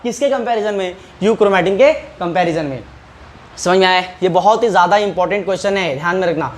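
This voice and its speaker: A man's voice: high voice, fast talker. A male teacher giving an online class lecture. He asks questions, answers them himself, repeats key terms and keeps checking whether the class has understood. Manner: checks understanding often with rhetorical prompts. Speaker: biology teacher.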